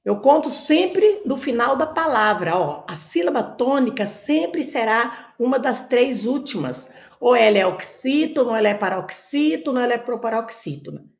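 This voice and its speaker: A Brazilian Portuguese woman teacher works through exam grammar, posing a question and then answering it herself. Her voice sits a little high and moves a great deal, with a gravelly edge. The recording sounds dull and lo-fi. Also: animated, moderate pace, roomy sound. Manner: step-by-step, asks questions and answers them herself. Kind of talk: exam prep lesson, explaining on a board.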